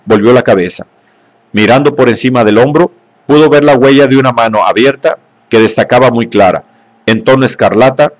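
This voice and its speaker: Male audiobook reader, scripted narration, steady, measured, mid-range voice. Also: mid-range voice.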